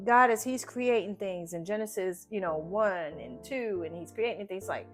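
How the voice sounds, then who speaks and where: A woman giving casual Bible teaching, lively and conversational, often tagging lines with a questioning "right?". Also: mid-range voice, normal speed, soft background music. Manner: animated, tags sentences with "right?"; acts out biblical figures in slangy voices.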